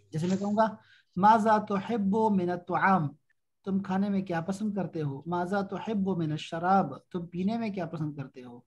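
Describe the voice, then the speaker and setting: Teaching Arabic online, this high-pitched male instructor patiently repeats every phrase at a slow drill pace. Afterward he gives quick explanations and fixes the student's mistakes.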